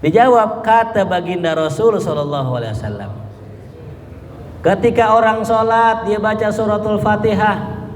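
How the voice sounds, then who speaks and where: A man giving a chatty, humorous religious lecture, slowly chanting Arabic phrases between casual remarks. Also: sits high, a little hiss or hum. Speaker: ustadz, religious teacher. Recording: echoey hall with long reverb.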